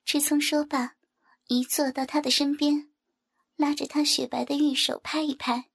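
A woman reading a story aloud as narrator in a smooth, even storytelling delivery. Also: sits high, normal speed. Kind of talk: scripted narration.

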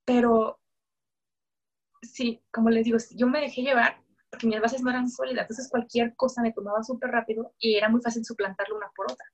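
A young woman with a slightly high voice shares a personal faith testimony in a relaxed, conversational way. She acts out what she once said to herself and keeps circling back with fillers and self-corrections. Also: a little fast. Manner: animated storyteller who acts out her own past words. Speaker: guest sharing a faith testimony.

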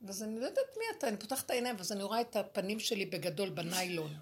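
A woman's voice: mid-range voice, lively intonation. A woman sharing spiritual experiences with a small group, impassioned and exasperated, often repeating her words. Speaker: group sharer.

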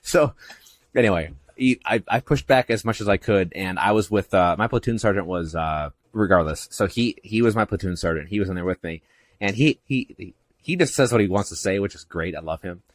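A man's voice: low-pitched, fairly quick, dry recording. A man hosting a podcast, telling a story in casual chat, acting out quoted voices and laughing often. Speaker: podcast host.

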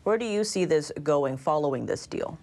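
A woman's voice: low voice, lively intonation, normal speed, vocal fry, a little mellow. A woman interviewing a guest, putting formal questions in a news style.

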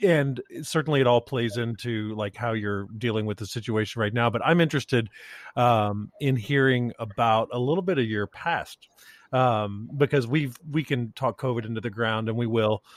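A man hosting an interview, relaxed and joking as he asks his guest questions. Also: medium pitch, moderate pace, dry recording, clean studio sound. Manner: relaxed, joking, with many fillers. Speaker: host. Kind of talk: casual interview chat.

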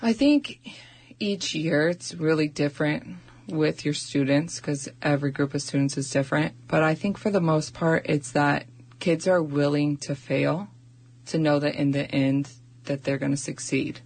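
A woman's voice: low voice, steady tone, moderate pace, darkish tone, husky. A young woman who teaches first grade, talking casually in a radio interview with lots of fillers. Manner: chatty, uses many fillers.

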